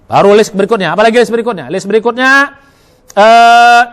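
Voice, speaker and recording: A man preaching a Ramadan sermon in a mosque, acting out inner thoughts with lively "oh" asides. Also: sits high, racing. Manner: lively, acts out inner dialogue with many "oh" asides.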